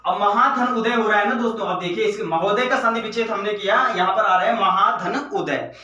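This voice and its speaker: A man's voice: sits high, brisk, pushed and bright. A man teaching a grammar lesson for exam preparation, asking and answering his own questions over and over and calling the viewers his friends. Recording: echoey room, mic at a distance.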